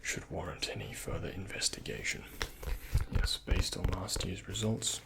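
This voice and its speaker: This soft-spoken man, breathy and often half-whispering, voices a doctor in an ASMR roleplay and offers gentle directions and reassurance. His voice sits low and is expressive, his pace is moderate, and the recording is very noisy.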